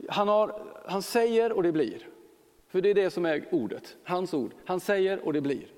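An earnest male preacher working through a Bible passage, stacking repeated phrases and everyday fillers. His voice sits fairly high, and the words ring out with a long reverb tail, as if spoken in a church hall. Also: lively intonation, a little mellow.

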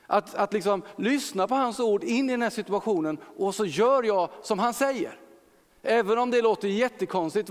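A man's voice: high voice, a little mellow, in a large hall. A man preaching a sermon on a Bible passage, earnest, repeating phrases for emphasis and using frequent fillers.

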